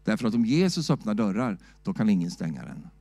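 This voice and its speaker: A middle-aged man preaching a sermon in a church, shouting at times and asking the church "va?" in a loose, talky way. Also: on the low side, very animated, no echo. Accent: Swedish. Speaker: pastor.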